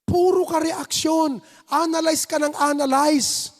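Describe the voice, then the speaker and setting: A Filipino man preaching a midweek sermon as pastor, animated and acting out people's reactions. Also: extremely high pitch, measured pace, long reverb tail. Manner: animated, acts out neighbors' reactions in put-on voices. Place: church sanctuary.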